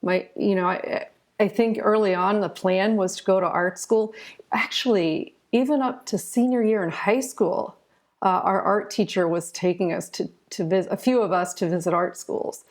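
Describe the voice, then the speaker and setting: A retired physician turned author, a woman in her forties from southern Ohio, tells her own story as an interview guest in a candid, conversational way, often adding "you know." Her American-accented voice is medium in pitch and steady, at a moderate pace.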